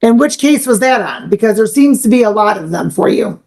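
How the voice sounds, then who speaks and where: A woman's voice: mid-range voice, lively intonation, fairly quick, vocal fry, darkish tone. A young woman judge speaking firmly and stating procedure in court. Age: young adult. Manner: firm, stern, procedural.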